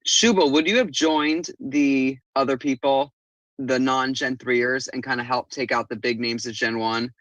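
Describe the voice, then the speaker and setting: Guy hosting, firing off questions, bright slightly high voice, dry sound. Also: steady tone, measured pace, no echo, highs cut off. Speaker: host. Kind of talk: casual video call interview.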